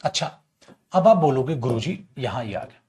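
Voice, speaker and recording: Lively, teasing male grammar teacher. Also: mid-range voice, normal speed, slight background noise. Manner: lively, teasing, addresses students as beta and chhutku; acts out student questions in a questioning voice. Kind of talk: online class lecture.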